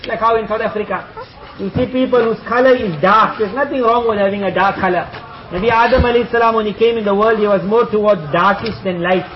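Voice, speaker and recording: A male preacher giving a storytelling sermon, animated and acting out animal voices. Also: high-pitched, quick pace. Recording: echoey, slightly dull room recording.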